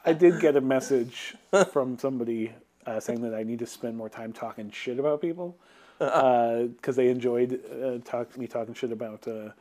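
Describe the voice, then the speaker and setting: A man with a nasal voice co-hosting a casual podcast, rambling and self-deprecating, speeding up when excited. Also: medium pitch, moderate pace. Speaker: podcast co-host. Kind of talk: casual chat.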